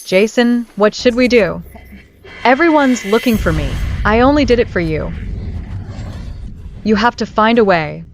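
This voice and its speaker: A woman's voice: on the high side, animated, a little slow, pauses often, slight background noise. Woman acting a desperate, pleading fugitive caregiver. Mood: panicked. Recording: music behind the voice.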